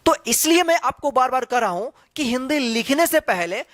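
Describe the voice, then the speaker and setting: A man's voice: extremely high pitch, expressive, moderate pace, a bit bright, dry recording. A man teaching the Hindi alphabet, asking question after question and repeating each sound to demonstrate it. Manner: repetitive, quizzing. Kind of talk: slow classroom explanation.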